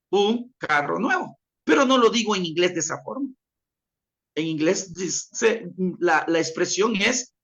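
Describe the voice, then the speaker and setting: A man gives a classroom lecture, leaning on repeated examples and addressing his listeners directly. His pitch moves a lot, rising and falling as he explains. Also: fairly bright tone. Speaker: teacher.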